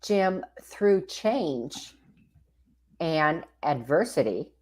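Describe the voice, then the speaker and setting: Upbeat woman co-hosting, lowish voice. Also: sing-song, drawn-out words. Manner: upbeat, laughing, addresses viewers as folks. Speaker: co-host. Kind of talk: casual talk-show chat.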